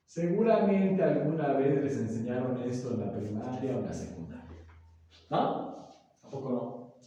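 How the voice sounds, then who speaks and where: Male teacher, patient explainer who keeps checking in with the class; mellow, low-bright tone, heard from across a very echoey classroom. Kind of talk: classroom grammar lesson. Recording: very echoey room, voice from far off.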